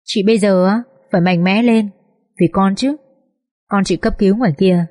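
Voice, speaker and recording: A kind hospital nurse with gentle, encouraging words, voiced by a woman narrator. The tone is warm and mellow. It is an audiobook reading. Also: mid-range voice, moderate pace, close to an everyday voice.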